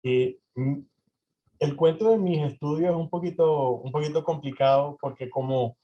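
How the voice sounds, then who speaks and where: A man's voice: fairly high pitch, moderate pace. A young man from Venezuela answering interview questions, hesitant with many fillers and restarts. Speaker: interview guest. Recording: slightly dull lo-fi audio.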